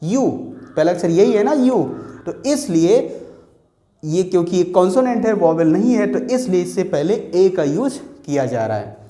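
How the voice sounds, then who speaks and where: A male teacher walks through a grammar lesson step by step, repeating points and answering his own questions. His voice sounds dark and mellow. The room around him echoes. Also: sits high, expressive, moderate pace. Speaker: English teacher.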